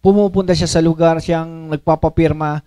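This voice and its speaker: A man's voice: on the high side, normal speed, clean tone. A man preaching a sermon in a mix of languages, often checking in with his listeners with "okay?" and acting out the speech of the people in the story. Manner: Taglish preaching with frequent "okay?" and "no?" check-ins; animated, acts out quoted speech. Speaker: pastor.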